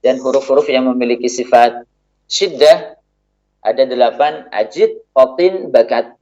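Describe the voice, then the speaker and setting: A man's voice: mid-range voice, unhurried, warm tone, muffled recording. A man teaching Quran recitation rules, patiently explaining and stretching out example words to demonstrate them, often affirming with a short "ya". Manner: frequent affirming "ya" between points. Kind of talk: tajwid lesson.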